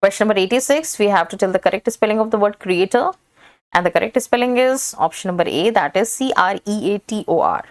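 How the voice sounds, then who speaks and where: A woman's voice: mid-range voice, animated, brisk. A woman reading out exam practice questions as a teacher. She lists each set of options steadily and stresses the correct answer.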